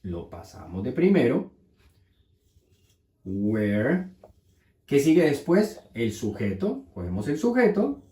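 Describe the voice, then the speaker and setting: A man whose first language is Spanish, teaching English grammar at a board and slowing down to model each example sentence. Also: medium pitch, wildly swooping pitch, dark tone, echoey room.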